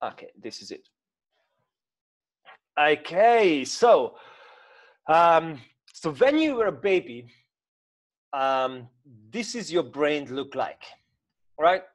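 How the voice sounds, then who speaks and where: A man's voice: on the high side, very animated, slow pace, long pauses. Hungarian-accented man coaching with many fillers. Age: 30s. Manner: hesitant, many fillers and restarts, non-native grammar. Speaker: mindset coach. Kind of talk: informal talk to camera with screen-share explanation.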